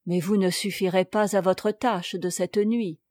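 Woman reader voicing a gentle, grave old monk; slow and mellow, storybook. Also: mid-range voice, fairly even intonation, no echo, clean studio sound, lightly acted.

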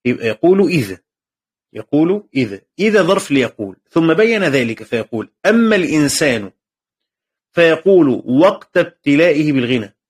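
A man's voice: on the high side, big pitch swings, a little fast, breathy edge. A man with an Egyptian Arabic accent teaching a text commentary in class. He reads formal passages, explains them in colloquial speech, repeats key phrases and keeps checking that his students follow. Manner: shifts between formal reading and colloquial explanation.

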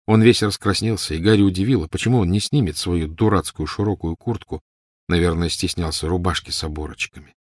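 Deep guy narrating an audiobook, calm, dry close mic. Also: a little fast, no echo. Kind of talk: scripted narration.

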